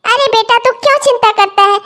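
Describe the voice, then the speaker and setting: A woman's voice: very high-pitched, brisk, sharp tone. A woman voicing a protective, fussing old grandmother in a cartoon who laments about her family. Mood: lamenting. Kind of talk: cartoon voice acting.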